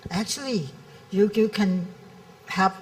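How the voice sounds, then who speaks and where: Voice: medium pitch, slow pace. Conference panelist: frank, advisory, stumbles and repeats; sounds distant from the mic in a large hall. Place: convention hall.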